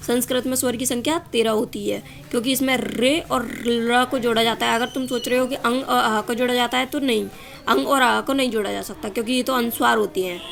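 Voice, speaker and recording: A woman's voice: fairly high pitch, steady tone, a little fast, gravelly, fairly bright tone. A woman teaching an exam-prep grammar lesson, asking quiz questions and answering them herself, stretching vowels to show their length. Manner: asks and answers her own quiz questions.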